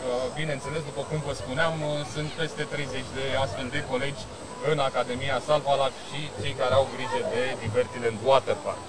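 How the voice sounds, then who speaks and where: A man hosting a casual live social media interview, chatty and teasing, with filled pauses. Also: mid-range voice, steady tone, poor audio. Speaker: host. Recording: live with crowd noise.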